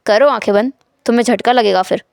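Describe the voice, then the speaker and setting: A woman voicing a cold, teasing, dominant young husband in a storytelling fan fiction, speaking low, calm and insistent. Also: fast, gravelly.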